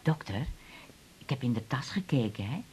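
In 1980s radio drama acting, an actress plays a patient's mother, middle-aged, fussy and fretful, who stammers hesitantly while chatting about her teenage daughter. Her voice is very deep, dark-toned and husky, with lively intonation at a moderate pace, and the performance is heavily acted.

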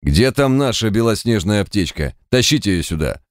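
A man's voice: fairly low pitch, sing-song, normal speed, dry recording, studio quality, voice pushed up. A man voicing a badly wounded, furious male fighter in an audiobook. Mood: angry. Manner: bellowing, indignant.

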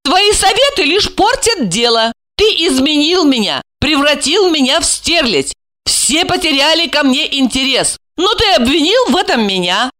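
Woman playing a high, shrill, storybook diva, scornful and exclaiming, all peaks and swoops. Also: sing-song, normal speed, bright, forceful tone, full character voice. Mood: proud defiant. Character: indignant, theatrical woman celebrity, quick to tears.

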